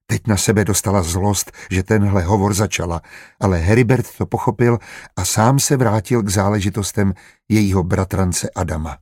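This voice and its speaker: A man reading a novel aloud in calm, even narration. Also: on the low side, slightly rough, no echo, studio quality. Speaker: audiobook reader. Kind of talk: scripted narration.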